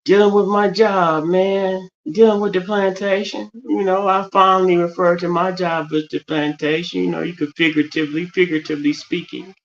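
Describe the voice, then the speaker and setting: A man's voice: sits high, level tone, moderate pace, few pauses, muffled recording, slight background noise. A man with a West Virginia Appalachian accent rambling through a casual livestream monologue, often repeating and restarting his phrases. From West Virginia, United States.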